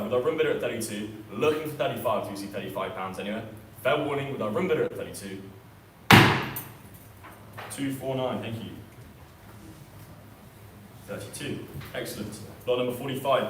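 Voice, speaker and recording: A man working as an auctioneer, calling live bids with repeated prices and increments. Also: mid-range voice. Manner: repetitive chanting of prices and increments. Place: auction sale room, indoors. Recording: echoey room, distant mic, background noise.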